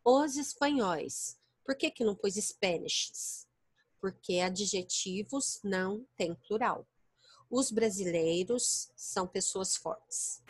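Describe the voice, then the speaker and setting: Slow, deliberate Brazilian woman teacher. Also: medium pitch, husky, no echo. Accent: Brazilian Portuguese. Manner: explains step by step, checks the class understood. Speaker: English teacher. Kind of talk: online class lecture. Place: home, online virtual class.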